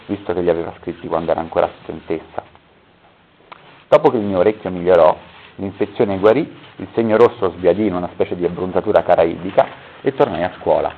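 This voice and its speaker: A man's voice: lowish voice, gravelly, slight background noise. A man reading a story aloud at a public talk, stopping now and then to correct his own misreadings. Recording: tinny phone-like recording.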